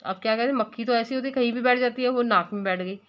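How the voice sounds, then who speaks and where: A woman teacher walking young pupils through a story lesson. She keeps asking questions and explains each word patiently. Her voice sits a touch high. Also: rapid-fire, dull audio. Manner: asks the children questions and explains words. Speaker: school teacher.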